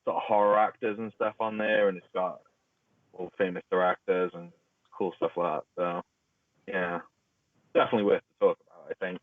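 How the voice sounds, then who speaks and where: Give me a young man with a lower voice, heard over a thin, phone-like call with a bad connection, chatting and rambling casually. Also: little pitch movement, brisk, no room sound. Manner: rambling, laughs easily, restarts words. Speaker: podcast co-host. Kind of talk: casual chat among friends. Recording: tinny phone-like call audio, dry.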